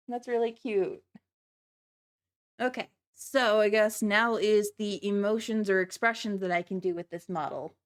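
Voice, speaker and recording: A woman's voice: medium pitch, fairly even intonation, normal speed, few pauses. A woman livestreamer chatting casually to viewers, with a giggly, apologetic and slightly nervous manner. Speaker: livestreamer, virtual avatar host.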